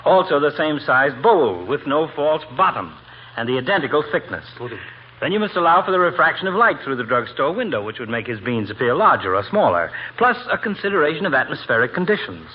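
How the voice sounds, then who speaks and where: Pompous sardonic doctor, lively swooping delivery. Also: male voice, on the high side, brisk. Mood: mock-learned. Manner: dry, mock-learned, wordy. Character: sardonic, pompous male doctor, needling friendly rival. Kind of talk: 1940s radio comedy acting. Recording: muffled, faintly hissy vintage radio recording.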